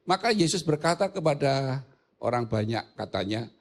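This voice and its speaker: Older Javanese-accented pastor, joking lecturer. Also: male voice, mid-range voice, animated, moderate pace. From Indonesia. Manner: asks the audience rhetorical questions, joking; mixes in colloquial local words. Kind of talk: church theology class.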